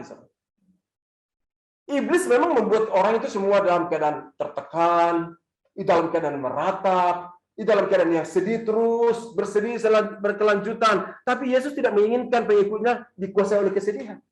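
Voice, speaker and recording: A man preaching a sermon as pastor, asking the congregation questions and repeating key lines, at times rising to loud, fervent preaching. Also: high-pitched. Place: church hall. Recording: echoey church hall.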